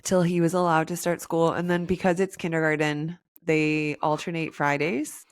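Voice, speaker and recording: A chatty woman in her thirties co-hosts a podcast, her voice raspy and hoarse from a lingering cold. Her pitch sits very low, and the sound is dry and close. She rambles along in an upbeat way. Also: level tone, normal speed, dry recording. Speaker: podcast co-host. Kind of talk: casual chat.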